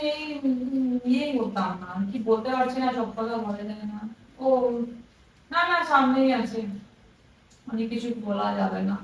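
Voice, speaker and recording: A young woman with a high voice talks chattily and teasingly, her voice pushing back sharply when questioned. She is recorded from across a very echoey room, with a faint hiss underneath. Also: recorded from a distance. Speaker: vlogger pranking her husband. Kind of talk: casual vlog chat and staged phone call.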